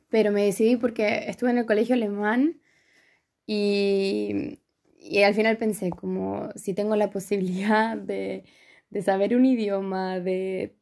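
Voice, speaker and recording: A young woman from Chile with a Chilean accent, a podcast guest telling her story in a relaxed way and laughing easily. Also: medium pitch, vocal fry. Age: young adult. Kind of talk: casual interview chat.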